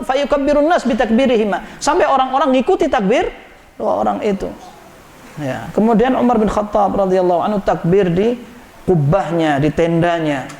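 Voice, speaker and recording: A man giving a lively mosque sermon, acting out quoted villagers along the way. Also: high-pitched, a little hiss or hum. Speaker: ustadz giving a mosque lecture. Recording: echoey mosque room.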